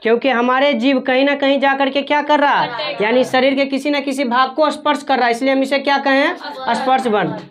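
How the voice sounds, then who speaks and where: A woman with a high voice teaches a class. She keeps asking her students questions and echoing their answers back to them. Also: fairly even intonation, a little fast. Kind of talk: classroom grammar lesson.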